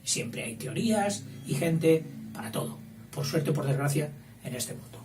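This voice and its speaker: A man's voice: a little high, animated, normal speed, over music. A man teaching a school lesson, drifting into digressions, correcting himself, and often checking in with a questioning "eh?". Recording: roomy, distant mic, faint background noise.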